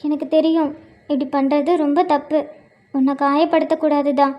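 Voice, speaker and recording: A woman's voice: high-pitched, flat delivery, moderate pace, dull audio, natural voice. A woman voicing an earnest, caring young woman in a homemade cartoon, talking to a baby. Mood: hushed. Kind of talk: hobby cartoon voice acting.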